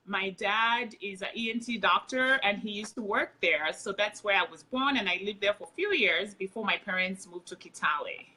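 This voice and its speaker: Chatty, bright-voiced Kenyan woman. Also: medium pitch, moderate pace, few pauses, low-quality recording. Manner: chatty and talkative, laughing easily. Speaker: guest, nurse practitioner. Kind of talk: casual livestream interview.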